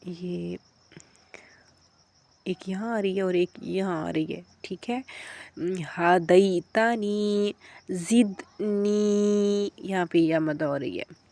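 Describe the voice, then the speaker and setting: Woman teaching Quran recitation, slow drills. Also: lowish voice, vocal fry, dark tone. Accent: Pakistani Urdu. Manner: stretches practice words slowly, explains briskly between them.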